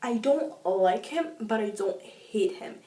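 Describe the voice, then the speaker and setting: A woman reviewing a book in a casual vlog, gushing and excitable, with sudden jumps in pitch. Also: slow pace. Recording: echoey room, mic at a distance.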